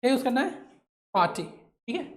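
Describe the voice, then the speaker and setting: A man teaching English grammar with an Indian English accent, drilling words slowly and asking the class to repeat them. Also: extremely high pitch. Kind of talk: classroom lesson, call and response.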